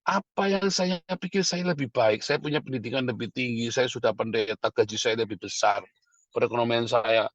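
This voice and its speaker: A man's voice: medium pitch, normal speed, no echo, lo-fi sound. A middle-aged man, a pastor, preaching a sermon and calling to his listeners as brothers and sisters.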